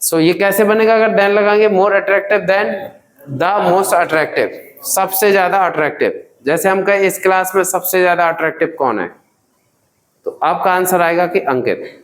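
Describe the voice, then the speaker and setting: A man's voice: high voice, normal speed, echoey room, poor audio. A man teaching grammar in a classroom, drilling students with repeated questions and calling them children. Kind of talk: classroom lesson.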